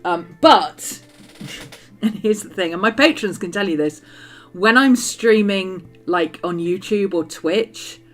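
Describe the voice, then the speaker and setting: A middle-aged woman from England's West Country, whose accent blends West Country and Manchester, talks at a medium pitch, expressively and slowly. She's a journaling streamer chatting casually while she crafts, bubbly and full of ums and laughs, with faint music in the background.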